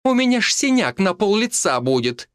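A man voicing a spirited young village witch and wife, high, indignant and bossy. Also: sing-song, normal speed, clean tone, no echo, clean studio sound.

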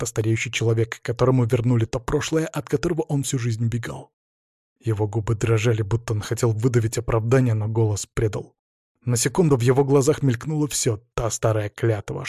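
A man reading a first-person story aloud as an audiobook narrator, in a measured, intense storytelling manner. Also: mid-range voice, dark tone, breathy edge, no room sound, studio quality.

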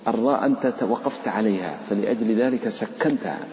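A man teaching a live class on recitation, moving between explaining rules and chanting verse examples. He questions his students and jokes with them as he goes. The sound is dull and low-fi, and his voice echoes through a large hall with long reverb. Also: a little fast, slight background noise. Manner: lively, questions and teases the students. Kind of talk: live tajweed lesson.

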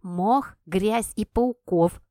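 A woman's voice: medium pitch, extremely slow, dark tone, no echo. A woman voicing a grumpy little male imp familiar who grumbles and calls up from down a well, in a dry audiobook reading. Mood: complaining. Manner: grumbling, peevish. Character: calling up from down a well. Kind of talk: audiobook character voice.

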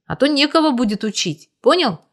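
A woman voicing a kind, reassuring adult man in a read-aloud story, speaking calmly and fatherly. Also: high voice, fairly quick, pitched above the performer's own voice.

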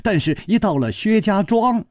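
A man telling a traditional story with a Beijing accent and dramatic, lively intonation. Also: high-pitched, normal speed, no echo, clean studio sound.

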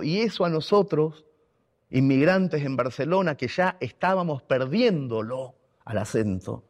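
A man from Argentina with an Argentine Spanish accent, a radio contributor and writer, tells a personal story with emotion and emphasis, repeating words for weight. His voice is medium-pitched and a little mellow.

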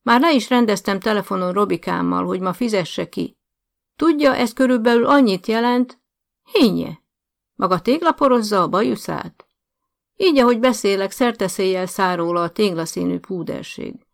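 A woman reading an audiobook, voicing a frail but fiery elderly woman who speaks up loudly and insistently. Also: medium pitch, expressive, gravelly. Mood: indignant. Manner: loud, raised and insistent. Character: frail old woman, recovering, fiery and indignant.

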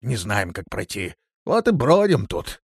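Male reader doing a screaming cowardly thug, high strained voice, loud, pleading and whining. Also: big pitch swings, moderate pace, no echo, studio quality. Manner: yelling, pleading, sobbing. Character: panicky burly male thug, shrill and whining. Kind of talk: audiobook character voice.

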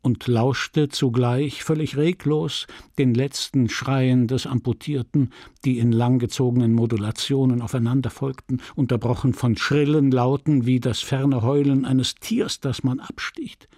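Gravelly husky guy reading a classic novel, mid pitch, dry close sound. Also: no room sound. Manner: measured, expressive storytelling. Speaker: audiobook reader. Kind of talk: literary audiobook reading.

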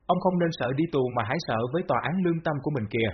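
A man reading the lines of a long-suffering middle-aged mother who speaks slowly and pleads. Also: fairly high pitch, husky. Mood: bitter. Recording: dull lo-fi audio.

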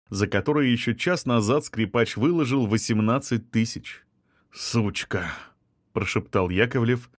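A man narrating a novel in a steady, even storytelling manner. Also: mid-range voice, dry recording, clean studio sound. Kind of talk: audiobook narration.

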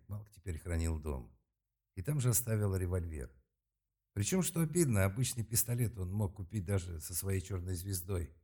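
Deep, husky male audiobook narrator. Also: mellow. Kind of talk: scripted narration.

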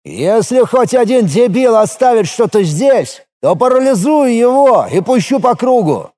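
A man's voice: very high-pitched, very animated, a little slow, warm tone, pitched above the performer's own voice, exaggerated voice. A man doing a crude, barking gang boss. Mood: commanding. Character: rough commanding male gang leader. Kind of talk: audiobook character voice.

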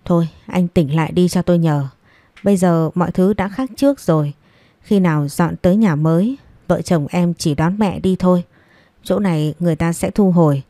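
A woman's voice: on the low side, moderate pace, mellow, dry recording, close to an everyday voice. A woman voicing a blunt middle-aged man who talks down to his older brother in a scolding way. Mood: dismissive. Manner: curt, scolding.

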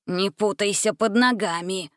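A grumpy, sly old sorcerer, put on by a woman reading a storybook aloud. He stretches each proclamation out slowly, and the recording is dry and close. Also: high voice, fairly bright tone, dry recording. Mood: grumbling, solemn. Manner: slow, drawn-out proclamations.

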